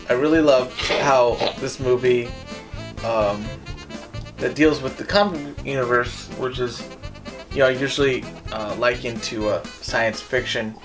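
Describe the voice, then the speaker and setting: Halting man in casual film chat. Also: medium pitch, a bit bright. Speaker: film review show co-host.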